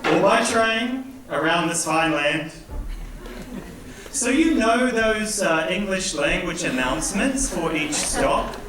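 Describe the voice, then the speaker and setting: A man with a New Zealand accent emcees a live stage show, cracking self-mocking jokes in a slow, lively voice that sits a little high. He is heard from a distance in a very echoey hall, with audience noise clear behind him. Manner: playful, self-mocking jokes with hesitant fillers. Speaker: master of ceremonies and English teacher. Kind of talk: stand-up comedy hosting a live stage event. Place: large indoor theatre hall. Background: audience laughter and room ambience.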